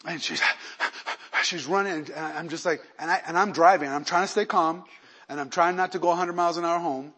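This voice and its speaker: A male pastor preaching a sermon who tells personal stories, moving between hushed storytelling and loud, emphatic preaching. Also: a little high, fast talker, husky. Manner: acts out quoted voices in his stories.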